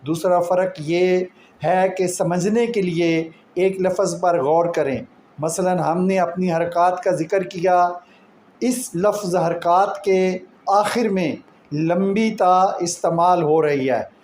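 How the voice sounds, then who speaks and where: Patient pakistani urdu-accented guy teaching quran script, kinda high voice, slow, echoey room. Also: a little mellow. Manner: patient, explains step by step with examples. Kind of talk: slow explanatory lesson. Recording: echoey room with faint ambient noise.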